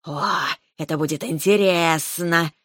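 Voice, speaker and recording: A woman voicing a sly, calm female snake who talks softly and slowly, teasing now and then. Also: low-pitched, dry recording, studio quality.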